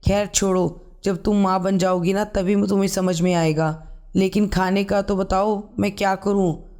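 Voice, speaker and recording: Casting: man doing a tired, pleading young husband, high voice, storybook. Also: little pitch movement, normal speed, darkish tone, clean tone, natural voice. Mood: weary. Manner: weary, pleading. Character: tired young husband caught between wife and mother.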